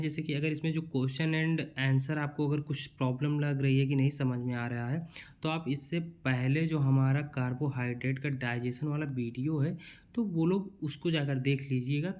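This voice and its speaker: A young man runs through a quiz lesson for exam students. He reads each question out slowly and then talks through the answer in a relaxed, repetitive way, checking in with the listener again and again. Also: mid-range voice. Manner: reads questions slowly, then explains casually with repeated fillers. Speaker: teacher. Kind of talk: exam-prep lecture.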